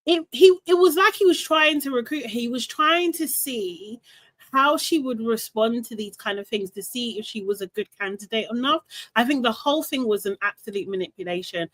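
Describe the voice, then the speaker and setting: A woman's voice: on the high side, normal speed, no echo. Exasperated woman, dry sound. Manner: animated, exasperated, laughs often. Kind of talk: casual recap chat.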